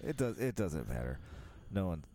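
A man's voice: deep voice, sing-song, normal speed, dark tone, no echo. A man co-hosting a casual film commentary, talking in a rambling, self-deprecating way. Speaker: podcast co-host. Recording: clearly noisy background.

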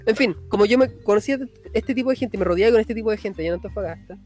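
A young man with a Chilean accent telling a story in casual chat, slangy and quick, with a tag at the end of every phrase. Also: high voice, darkish tone, faint music behind. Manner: fast slangy storytelling, frequent "cachai" tags.

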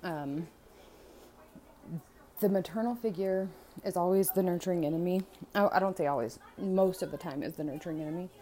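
A woman's voice: fairly low pitch, fairly quick, mellow, slight background noise. A woman in a casual monologue on family dynamics, speaking hesitantly with frequent "um"s and restarts.

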